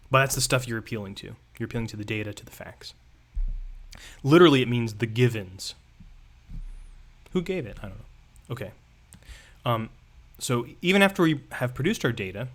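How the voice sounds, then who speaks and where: A man's voice: medium pitch, a bit bright. Casual man lecturing on a text. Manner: casual, digressive, reads passages aloud then riffs with playful asides. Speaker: rhetoric teacher. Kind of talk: live-streamed close reading lecture.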